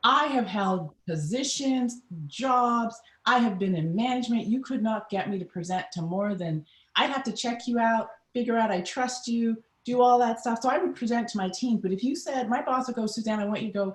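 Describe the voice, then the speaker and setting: A woman's voice: on the high side, moderate pace, few pauses. Trinidadian woman telling her story. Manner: animated, acts out voices in her story. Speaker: guest. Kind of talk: personal storytelling in an interview. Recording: roomy echo.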